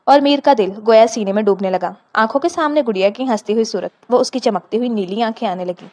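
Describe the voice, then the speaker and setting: A woman narrating a romantic audio novel in a steady, expressive reading. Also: a little high.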